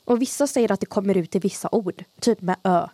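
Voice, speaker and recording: A young woman with a light Gothenburg accent chatting casually as a podcast co-host, with a dry way of talking that sounds sarcastic even when she means it. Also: medium pitch, dry recording. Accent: light Gothenburg Swedish. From Sweden, grew up in Gothenburg. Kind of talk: casual chat.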